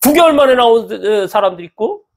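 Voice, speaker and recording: A male pastor preaching a sermon in a church, animated and acting out the voices of people he quotes. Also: extremely high pitch, brisk. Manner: animated, acts out quoted speech with lively swings in tone.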